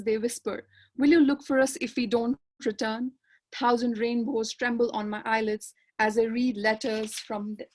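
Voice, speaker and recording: A woman from Kashmir, reading her poetry aloud in a measured, lyrical way on a panel discussion held over a video call. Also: a little high. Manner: measured, lyrical recitation with repeated refrains. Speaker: poet and panelist.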